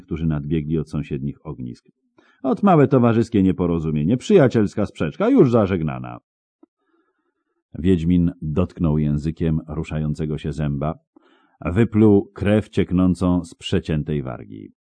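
A man's voice: extremely low pitch, mellow, dry recording. A man narrating an audiobook in a dramatic, vivid storytelling manner, close to the mic.

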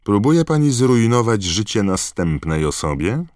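A man voicing an angry, defiant teenage boy wizard in an audiobook, calling out loudly. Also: extremely low pitch, fast talker, no echo, studio quality. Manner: shouting, defiant. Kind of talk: audiobook character voice.

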